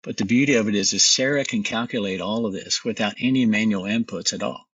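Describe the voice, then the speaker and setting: A man's voice: fairly low pitch, fast, a bit bright, husky, no echo, distant mic, lo-fi sound. A middle-aged man, a company founder, talking confidently and emphatically as a guest in a business interview.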